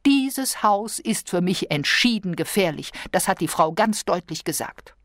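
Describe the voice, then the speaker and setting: A woman's voice: lowish voice, expressive, a little slow, no echo, studio quality. A woman voicing a fussy, self-pitying invalid wife who complains plaintively.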